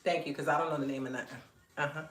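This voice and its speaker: Here a low, very fast woman's voice with a Gullah Geechee accent from Beaufort, South Carolina, USA, hosts a casual fashion live stream at home for her clothing brand. She's animated and chatty, ribbing her husband between points, while faint music plays in an echoey room.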